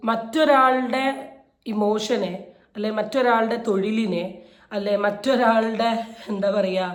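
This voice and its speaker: Her voice sits in the mid-range with a fairly bright tone as she delivers opinion commentary on a viral video for YouTube. She is indignant and forceful, driving each point home through repetition, and the audio has a roomy echo.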